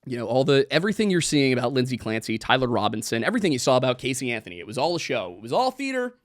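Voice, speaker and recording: A man in his twenties talks casually on a podcast, joking and riffing with quick asides. His voice sits at a middle pitch. The sound is dry and close with no room echo. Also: animated. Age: 20s. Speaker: podcast co-host.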